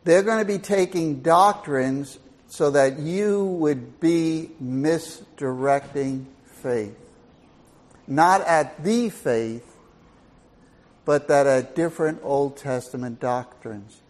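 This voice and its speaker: A man's voice: a little high, slow pace, darkish tone. An older man giving a Bible teaching sermon in a folksy, storytelling and emphatic way.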